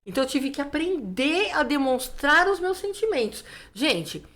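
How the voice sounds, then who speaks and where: Lively São woman pastor. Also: high-pitched, normal speed. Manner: lively storyteller who acts out dialogue, many "né" fillers. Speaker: pastor, guest. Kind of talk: personal testimony in casual interview.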